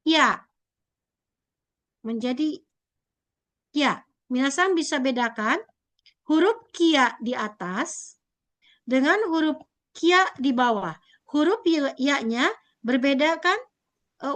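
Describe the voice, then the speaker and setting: A young woman with a high voice explains a language lesson at an unhurried pace. She repeats each sound patiently and keeps checking that her students are following along. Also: fairly bright tone. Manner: slow, repetitive, checks understanding often. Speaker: Japanese language teacher. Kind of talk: recorded classroom lesson.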